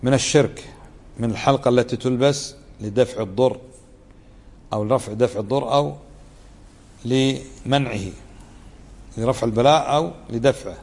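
A man's voice: mid-range voice, normal speed, long pauses, a little mellow. A man teaching a religious lesson, explaining a text in a conversational way, often asking the listeners to confirm and acting out tones of voice to show what they mean. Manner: acts out tones of voice to show meaning. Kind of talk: lesson commentary. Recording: long hall reverb.

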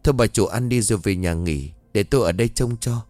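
A man's voice: on the low side, fast talker, darkish tone, no echo, lightly acted. A man doing a fussing, loyal middle-aged maid. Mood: fussing, reassuring. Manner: fussy, reassuring.

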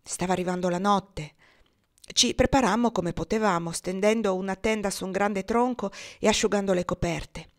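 A woman reading a translated memoir aloud as audiobook narration, with slow, dramatic pauses. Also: mid-range voice. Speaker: reader.

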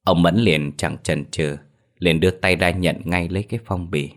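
A man narrating a horror story in a steady, ominous way. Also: low voice, normal speed.

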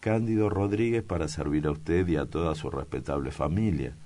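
A man's voice: very deep voice, normal speed, mellow. A man voicing a timid old male secretary who speaks in ornate, obsequious phrases. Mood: fussy.

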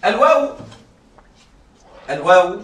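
A man lecturing to a classroom, often repeating himself and asking if the students are with him. His voice sits high and sounds bright. He was recorded from a distance in a room with a strong echo. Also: sing-song, slow pace. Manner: repeats points and checks students follow. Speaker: teacher of Arabic rhetoric. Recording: echoey room, mic far off.

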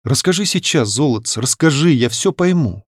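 A man reading an audiobook, voicing a doting aristocratic father who speaks gently to his daughter. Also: mid-range voice, expressive, normal speed, no room sound, clean studio sound, lightly acted. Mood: tender. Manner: haughty at first, then gentle and soothing.

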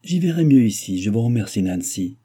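A man's voice: fairly low pitch, very animated, a little fast, mellow. A man reading an audiobook, voicing a modest, reserved young governess with polite, restrained speech.

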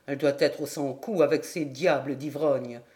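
A woman voicing a gruff old harbor master, for an audiobook. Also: mid-range voice, steady tone, moderate pace, a little mellow, pitched below the performer's own voice, lightly acted. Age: older.

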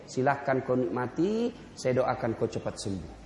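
Preacher voicing a low, quiet, forgiving man in a sermon tale, reassuring, echoey hall. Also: big pitch swings, moderate pace, a little hiss or hum, natural voice. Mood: calm, reassuring. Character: gentle, calm, forgiving man quoted in a sermon story.

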